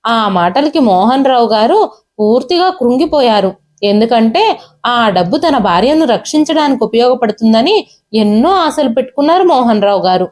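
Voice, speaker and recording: Female storyteller, scripted narration, even delivery, slightly high pitch. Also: moderate pace.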